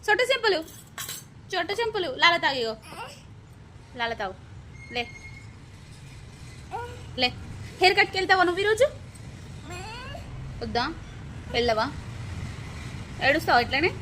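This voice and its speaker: A woman's voice: very high voice, very animated, normal speed, long pauses, sharp tone, slight background noise. A young mother at home, coaxing and scolding her small child in short, repeated commands while filming. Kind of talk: casual home vlog. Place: family home.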